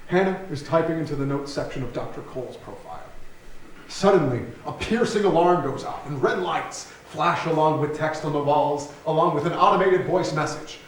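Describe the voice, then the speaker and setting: Reading stage directions as narrator of a staged theatre reading, a man speaks at normal speed in a slightly high voice. A distant mic captures heavy theatre echo and a little background noise.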